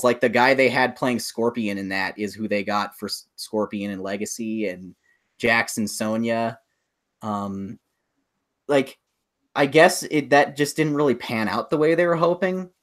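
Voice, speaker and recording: In a casual podcast chat about films and games, a male co-host with a mid-range voice and moderate pace explains things eagerly and at rambling length.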